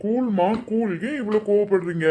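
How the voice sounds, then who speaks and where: Young son, coaxing and playful, lightly raised pitch, Tamil Nadu accent; man voices him. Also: normal speed, dark tone. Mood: pleading. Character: cheerful grown son returning home, young man. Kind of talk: cartoon voice acting.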